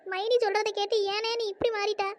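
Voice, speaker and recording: Squeaky, indignant village sister. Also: level tone, slight background noise. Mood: bitter. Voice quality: high squeaky cartoon voice. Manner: fast, scolding, emotional. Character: indignant middle-aged village woman, the sister. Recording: dull lo-fi audio.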